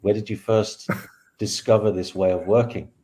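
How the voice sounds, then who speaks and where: A man's voice: on the low side, fairly even intonation, moderate pace, mellow. A man hosting an online interview, welcoming guests in a chatty, easygoing way over a video call. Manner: friendly, chatty, laughs easily. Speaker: host. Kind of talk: casual interview.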